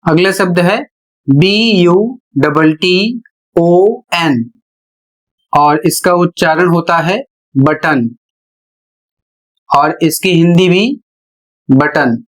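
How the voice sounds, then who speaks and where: A man teaching a spelling and pronunciation lesson, spelling words out letter by letter in a slow, deliberate way. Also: on the high side. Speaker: English teacher.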